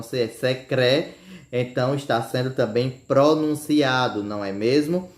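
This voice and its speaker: A man teaching a recorded lesson from home, his words slow and deliberate, and after nearly every phrase he stops to check that his students are following. His voice sits at an ordinary pitch. The room rings with a noticeable echo. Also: darkish tone. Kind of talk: recorded remote grammar lesson.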